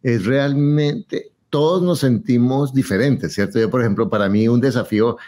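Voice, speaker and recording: A man's voice: medium pitch, moderate pace, mellow. A man hosting an interview, encouraging and reflective, with short affirmations. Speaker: podcast host. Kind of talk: casual interview.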